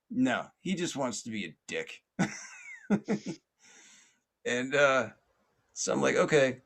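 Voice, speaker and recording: A man's voice: fairly low pitch, fairly bright tone. A man hosting a podcast, telling a long personal story in a loose, rambling way. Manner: rambling, lots of fillers and restarts. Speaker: podcast host.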